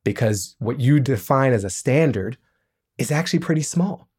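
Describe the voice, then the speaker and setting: A middle-aged man, a podcast guest, explaining his points in an animated, emphatic way. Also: mid-range voice, normal speed, breathy edge. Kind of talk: podcast interview.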